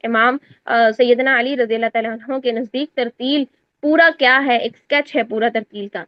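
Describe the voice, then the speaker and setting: A high-pitched woman teaches a class on Quran recitation. She explains each point step by step and keeps checking that her students understand. The recording is dry and a little dull. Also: steady tone, no room sound. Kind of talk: class lesson explaining exam answers.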